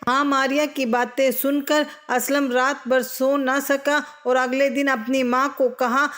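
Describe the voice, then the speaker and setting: High, flat-voiced woman narrating a story.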